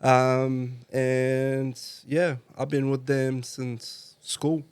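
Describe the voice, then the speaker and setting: A man from Iraq, a car club member talking as a guest in a relaxed casual interview, laughing often and using slang fillers. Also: mid-range voice, very slow, clear, resonant tone, dry recording.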